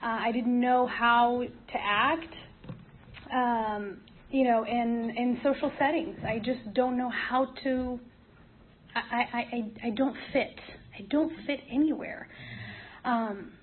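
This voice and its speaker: At a support group, a Moroccan woman gives a personal testimony, halting and hesitant with repeated false starts. Her voice is a little high and steady. The audio is tinny and phone-like, with clear noise and clicks.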